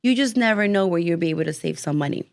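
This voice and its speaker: A woman's voice: on the low side, lively intonation, quick pace, creaky. A young adult woman, a guest on a casual podcast, chatty and explaining with everyday examples. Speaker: title company guest.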